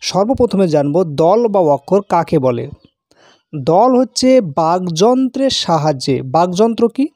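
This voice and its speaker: A man teaches grammar. He talks slowly and deliberately, splitting words into syllables and counting them aloud. The recording is dry and close. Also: sits high, expressive, warm tone, no echo. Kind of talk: classroom-style grammar lesson.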